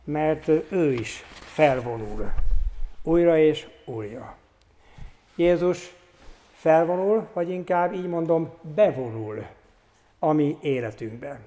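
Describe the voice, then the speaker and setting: A man preaching a sermon in earnest tones, pausing often with hesitant fillers. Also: on the high side, expressive, dark tone, long reverb tail. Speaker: pastor.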